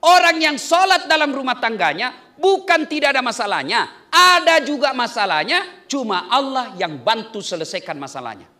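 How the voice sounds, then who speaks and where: A middle-aged man from Indonesia giving a humorous sermon, playful and animated, swinging between loud bursts and soft asides. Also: extremely high pitch, normal speed. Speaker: preacher.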